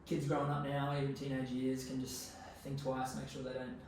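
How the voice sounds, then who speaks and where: A young Australian man talks as a relaxed interview guest, using plenty of slang and swearing. His voice is picked up from a distance in a very echoey room, with clear background noise. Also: mid-range voice, moderate pace. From Queensland, Australia. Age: 20s. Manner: laid-back, slangy, sweary. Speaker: podcast guest. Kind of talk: casual conversational interview.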